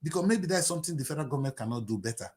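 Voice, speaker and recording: A man in his late fifties with a Nigerian accent, giving impassioned political commentary on TV, firing off rhetorical questions and swinging between shouting and low mutters. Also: lively intonation, very fast. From Nigeria (Delta State). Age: 50s.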